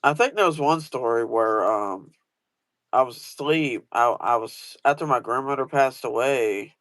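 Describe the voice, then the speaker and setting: A man's voice: medium pitch, expressive, a little slow, fairly bright tone, no echo. Rambling man telling a story. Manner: rambling, many fillers and restarts. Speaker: host asking guest questions. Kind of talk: casual storytelling chat.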